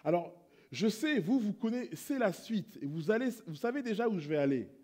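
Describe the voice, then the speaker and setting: Male pastor, high voice, sermon in church, quiet prayer swelling into fervent preaching. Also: lively intonation, moderate pace. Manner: swings from hushed prayerful to loud impassioned preaching.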